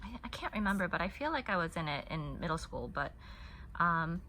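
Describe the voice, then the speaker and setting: Very animated and brisk, her lowish voice has a sharp tone over slight background noise. This woman in her thirties, raised in the US with Korean as her first language, hosts a crochet channel from her Hong Kong home, rambling casually as she crochets and frequently restarting her sentences.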